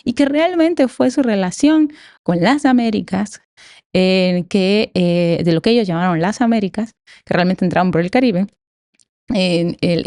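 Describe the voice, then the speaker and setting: Mujer mexicana de voz suave y cálida. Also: female voice, medium pitch, warm tone, no room sound, clean studio sound. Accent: Mexican Spanish. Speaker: academic guest. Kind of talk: conversational explanation in a podcast interview.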